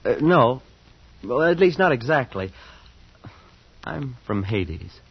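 A man's voice: mid-range voice, big pitch swings, takes it slowly, slightly rough, full character voice. An actor playing a wide-eyed young man from a small town who tells his own story in an earnest, awed, shy way, in an old radio drama. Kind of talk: 1940s radio acting with first-person narration. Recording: muffled old radio recording with music behind.

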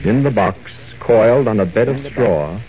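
A man's voice: on the low side, animated, normal speed, a crowd in the background. A man narrating a 1940s radio serial in a theatrical, suspenseful style. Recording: muffled old radio broadcast recording.

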